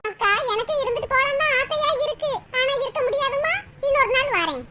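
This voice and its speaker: A woman voicing a meek, loving village mother in a cartoon, speaking gently and soothingly in a squeaky, high voice. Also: fast talker. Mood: gentle. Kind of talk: cartoon dubbing. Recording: noisy recording.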